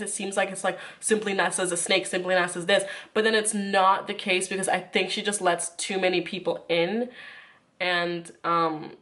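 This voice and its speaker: A woman's voice: on the low side, a bit bright. A woman chatting casually to viewers in an informal, rambling way with lots of "like", sick with a runny nose. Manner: informal, rambling, frequent filler "like". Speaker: YouTuber.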